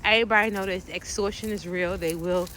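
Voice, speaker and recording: An American woman telling a story casually, animated and slangy, often acting out the voices of other people. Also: lowish voice, a little fast, background noise. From United States.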